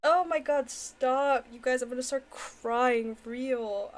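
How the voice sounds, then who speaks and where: A woman with a high voice chats to her livestream viewers like a playful gamer girl. She is giggly and excitable, full of exclamations, yet fairly unhurried in her pace. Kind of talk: casual livestream chat to viewers.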